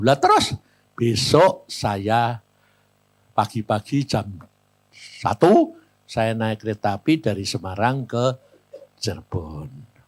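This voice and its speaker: An older man with a Javanese accent preaches through vivid personal stories, blunt and plain-spoken. His pitch leaps high and drops low constantly. The recording is dry and close, with no room echo. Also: fairly bright tone. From Central Java, Indonesia. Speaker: evangelist preacher. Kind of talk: sermon storytelling.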